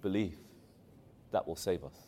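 A man's voice: sits low, measured pace, mellow. A man preaching a sermon, emphatic, asking the audience questions and reading scripture aloud.

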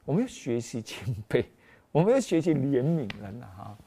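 A man's voice: medium pitch, moderate pace, gravelly, slightly rough. A middle-aged man, preaching as a pastor and telling a personal story with frequent exclamations. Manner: animated storytelling, frequent exclamations, mixes in English phrases. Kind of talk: sermon with personal testimony.

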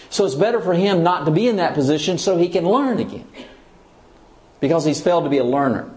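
A man's voice: high-pitched, echoey room. A man, a church leader, teaching in sermon style, asking his listeners questions and pressing his points with emphasis. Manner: asks the audience questions, lively and emphatic.

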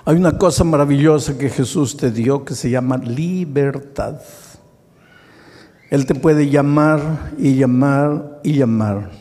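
A man preaching a sermon as a pastor, telling stories and swinging between loud, high exclamations and hushed, slow passages. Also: in a large hall.

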